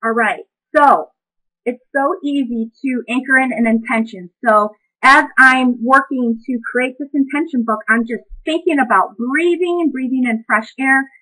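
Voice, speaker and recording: A woman with a bright, high-leaning voice walks through a craft project step by step. She speaks in a calm, reflective, unhurried way, narrating what her hands are doing. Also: rough recording. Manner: talks through each step as she works. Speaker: craft demonstrator. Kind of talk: craft demonstration.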